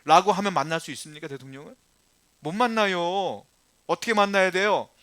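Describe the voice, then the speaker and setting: A man's voice: high-pitched, fairly quick, a bit bright, dry recording. A male pastor preaching a sermon with emphatic rhetorical questions to the congregation, shifting between polite address and blunt plain talk.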